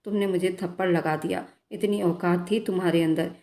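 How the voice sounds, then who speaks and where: A woman voicing a cruel, possessive young man, a vengeful boss, in storybook narration with a flat, menacing delivery. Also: lowish voice, brisk, natural voice. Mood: mocking. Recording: roomy echo.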